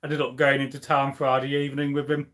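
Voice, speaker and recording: A young British history channel host streams live from home, his casual talk rambling with many fillers and restarts. His medium-pitched voice is fast, a bit bright and completely flat in delivery, recorded via a camera set on a tripod.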